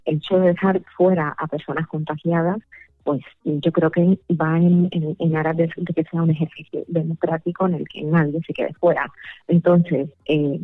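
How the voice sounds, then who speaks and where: A low-voiced woman from Colombia speaks with a Caribbean Spanish accent. She gives spontaneous interview answers, searching for words and repeating some. The sound is thin and narrow, like a dry telephone line. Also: little pitch movement, moderate pace, no room sound. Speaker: parliamentary candidate, interview guest. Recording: phone-like narrow band, dry.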